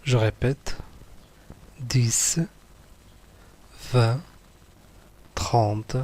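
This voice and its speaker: A man teaching young pupils, going slowly through a worksheet, repeating each word and praising answers. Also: mid-range voice, fairly even intonation, a little mellow. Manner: slow, patient, repeats words and praises answers.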